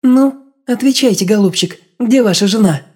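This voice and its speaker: A woman voicing a cold, elegant countess in an audiobook, soft but demanding, with icy politeness. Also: a little high, normal speed, lightly acted. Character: cold elegant female countess, calm torturer. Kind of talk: audiobook character voice.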